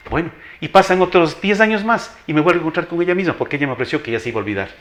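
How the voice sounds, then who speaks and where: In this clip an older Ecuadorian-accented man, a veteran teacher being interviewed, races through his anecdotes with great expressiveness. His strong, announcer-style voice is fairly high-pitched and fairly bright as he emphatically repeats phrases and performs dialogue.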